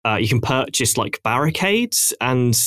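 A man's voice: mid-range voice, big pitch swings, unhurried, fairly bright tone, no echo, clean studio sound. A young man hosting a casual podcast chat, laid-back and hesitant with many ums. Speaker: podcast host.

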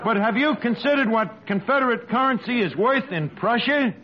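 An actor playing a brash, pompous tavern manager in a 1950s radio comedy, orating combatively. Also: male voice, very high-pitched, lively intonation, moderate pace, crowd noise. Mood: pompous debating. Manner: mock-oratorical, combative. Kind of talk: 1950s radio sitcom acting. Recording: muffled old radio recording with studio audience.

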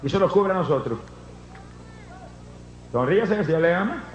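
A man preaching a fervent revival sermon to a congregation, breaking into loud shouts of praise. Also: high-pitched, animated, brisk. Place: church hall. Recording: echoey, dull lo-fi church recording.

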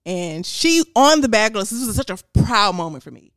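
A woman from Houston with a Houston accent, co-hosting a podcast in frank, animated casual chat. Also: mid-range voice, moderate pace, no echo, studio quality. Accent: Houston Texas. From Houston, Texas. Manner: animated, laughing, frank and profane. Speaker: podcast co-host.

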